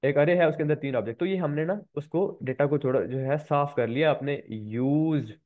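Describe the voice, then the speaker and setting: A man's voice: a little high, normal speed. Man teaching code, tinny lo-fi sound. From Pakistan. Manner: repetitive, talks students through code step by step. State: slightly sore throat. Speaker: programming instructor. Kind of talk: screen-recorded coding lecture. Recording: tinny phone-like recording.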